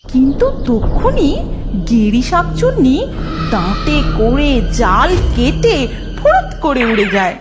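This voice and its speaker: A woman narrator tells a scripted story. Her voice is fairly high with animated, swooping intonation, set over clear background music. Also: unhurried.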